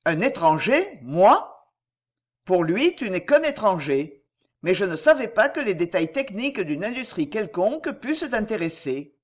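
Earnest, formal factory owner voiced by a reader in an audiobook, moderate pitch. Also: sing-song, a little slow. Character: earnest factory owner near ruin, reserved. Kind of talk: audiobook reading.

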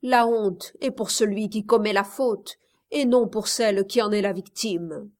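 A gentle young Spanish woman speaks softly, with quiet reproach in her voice, as a woman reader puts her on. The storybook reading is slow and even. Her dignity shows under the softness. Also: medium pitch, lightly acted. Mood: pleading, proud. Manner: soft, reproachful delivery.

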